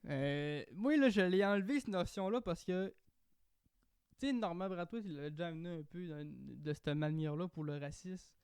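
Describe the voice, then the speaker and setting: A young man with a Québécois French accent, chatting on a podcast in an animated way and swearing casually. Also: high-pitched, normal speed, smooth, no room sound, clean studio sound. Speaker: podcast host.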